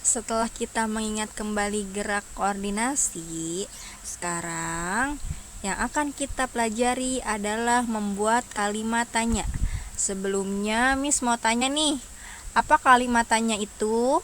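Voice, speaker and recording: A woman's voice: on the high side, a little slow, a bit bright, slight background noise. A woman primary school teacher, giving an online lesson to young children and patiently asking them questions before answering them herself.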